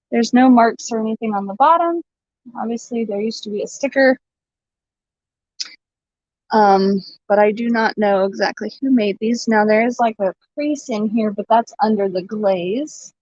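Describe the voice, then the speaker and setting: A woman's voice: a little high, dry recording. Giggly woman selling on a live stream. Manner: chatty, giggly, laughs often. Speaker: host of a live online vintage sale. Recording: dull lo-fi stream audio.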